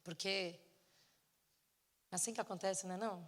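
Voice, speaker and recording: A middle-aged woman giving an emotional sermon testimony in a church, acting out dialogue and swinging between loud and soft. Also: medium pitch, fairly even intonation, normal speed, big-room sound. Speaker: preacher. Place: church sanctuary.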